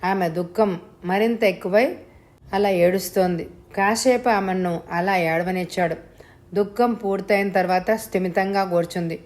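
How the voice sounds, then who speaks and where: A woman's voice: mid-range voice, moderate pace, darkish tone. Woman narrating a suspense story. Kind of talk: scripted narration.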